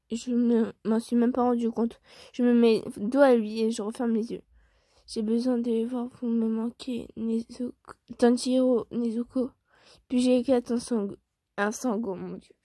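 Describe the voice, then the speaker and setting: Woman, fanfic reader, playful and jokey asides, fairly high voice, dry close recording. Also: steady tone, unhurried, warm tone, no room sound. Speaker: channel host reading fan fiction. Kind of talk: reading a fan story aloud with reactions.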